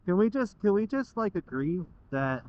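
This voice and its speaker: Animated American man talking inside a helmet. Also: sits high, normal speed. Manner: sweary, informal. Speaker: motovlogger riding a motorcycle. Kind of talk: casual motovlog monologue. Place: inside a helmet on a moving motorcycle outdoors. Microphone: microphone inside the helmet. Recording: muffled, dull helmet mic.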